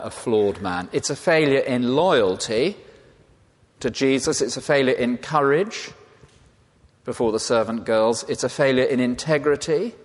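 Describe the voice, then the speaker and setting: Preacher in a reverberant church. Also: male voice, medium pitch. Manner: emphatic, rhetorical repetition. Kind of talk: sermon. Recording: long hall reverb.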